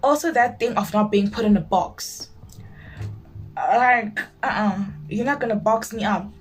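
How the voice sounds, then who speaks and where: Doing her makeup while answering viewer questions, this nineteen-year-old beauty vlogger talks in a medium-pitched, husky voice at a slightly slow pace. She's blunt and emphatic, repeating points to stress them, with soft music behind her on poor audio.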